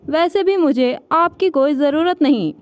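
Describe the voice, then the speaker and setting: A woman's voice: sits high, lively intonation, unhurried, dry recording. A woman voicing a rude, scheming young wife. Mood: angry. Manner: sharp and scolding to her mother-in-law, sweet to her husband.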